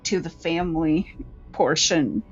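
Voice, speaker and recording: A woman with a husky voice casually narrates her character's moves in a tabletop game. Her pitch is a little low. The audio is slightly dull, with music behind. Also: measured pace.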